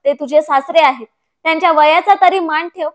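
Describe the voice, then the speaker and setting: A woman voicing an older mother who speaks calmly and firmly. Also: sits high, a little fast, lightly acted. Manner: soothing then firm. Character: older mother, calm, firm and dignified.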